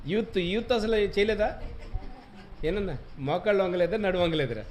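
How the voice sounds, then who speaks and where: Man, pastor, Telugu accent, high voice, sermon, exhorting congregation. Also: moderate pace, darkish tone, a little hiss or hum. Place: church hall.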